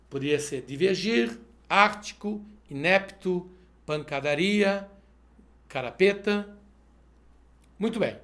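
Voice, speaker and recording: The voice is a man's, high-pitched and a bit bright, with a reverberant sound. He teaches math in a video lesson, methodically solving exercises one step at a time and checking in with the viewer by asking "perfeito?".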